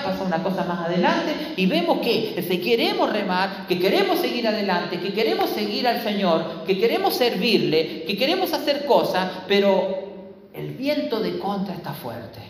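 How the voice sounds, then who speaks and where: Animated preacher in echoey hall. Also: medium pitch, slight background noise. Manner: animated, repeats phrases for emphasis, addresses the congregation directly. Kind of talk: sermon. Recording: echoey hall with long reverb.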